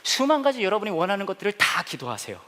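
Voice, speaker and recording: A man preaching a humorous sermon as a pastor, telling stories playfully with sudden loud exclamations, in a church hall. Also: sits high, huge pitch swings, quick pace. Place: church hall with a laughing congregation.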